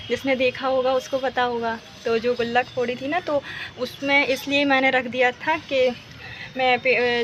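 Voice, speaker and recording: A woman's voice: fairly high pitch, muffled recording. A young woman vlogging casually about her home from the rooftop on a handheld phone, rambling and chatty with many fillers. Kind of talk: casual home vlog chat. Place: rooftop of a house, outdoors. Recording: noisy outdoor recording.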